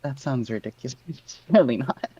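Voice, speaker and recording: A woman with an unusually deep voice co-commentates on a card game tournament. She keeps it relaxed, mostly adding short, dry replies and asides. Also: normal speed, breathy edge, no room sound, lo-fi sound. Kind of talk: casual live game commentary.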